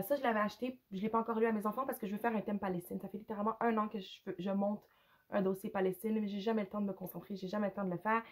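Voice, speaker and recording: A woman with a Quebec French accent and a hoarse, gravelly voice, casually reviewing books in a hesitant, rambling way with English words slipped in. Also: medium pitch, a little mellow. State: hoarse, with a cough. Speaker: book reviewer, mother. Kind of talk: casual unscripted review to camera.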